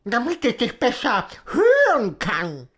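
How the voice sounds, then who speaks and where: A woman voicing a suspicious, gruff old grandmother with missing teeth in a spoken fairy tale. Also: on the high side, wildly swooping pitch, slow, heavily acted. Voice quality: gap-toothed, curt.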